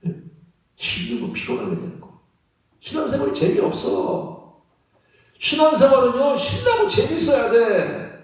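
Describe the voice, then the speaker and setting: A man preaching a sermon as pastor, animated and laughing often, often checking in with the congregation. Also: very high-pitched, moderate pace, pauses often. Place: church sanctuary. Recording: echoey church hall from far off.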